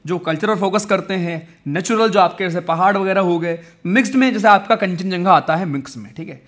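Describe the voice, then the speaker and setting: A young man teaching exam-prep mnemonics in a chatty, energetic lesson, calling his viewers friends and brothers. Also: sits high, a little fast.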